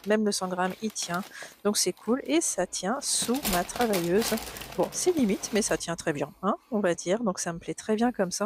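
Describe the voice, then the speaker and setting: A middle-aged woman chatting in a casual knitting vlog, gushing and excitable, repeating words and laughing often. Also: medium pitch, background noise. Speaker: knitting vlogger.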